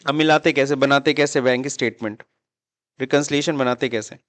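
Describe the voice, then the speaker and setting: An Indian man teaches accounting in a classroom-style lecture, mixing Hindi with English terms and repeatedly asking students questions. His medium-pitched voice is a bit bright, with fairly even intonation and a slightly fast pace. There's no room sound.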